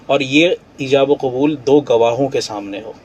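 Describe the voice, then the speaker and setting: Male scholar guest, mid pitch, patient explainer on talk radio. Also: a little mellow, lo-fi sound. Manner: patient, explains rulings step by step with everyday examples.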